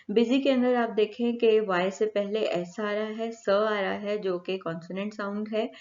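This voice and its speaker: A woman teaching a grammar lecture over slides, explaining step by step and reading the English rules out slowly. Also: mid-range voice, darkish tone, highs cut off.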